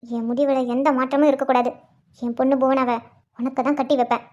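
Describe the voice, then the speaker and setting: A woman voicing a scheming, stubborn middle-aged aunt in a cartoon story, speaking in a low, menacing, deliberate way. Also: level tone, darkish tone, dull audio, natural voice. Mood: vengeful, determined.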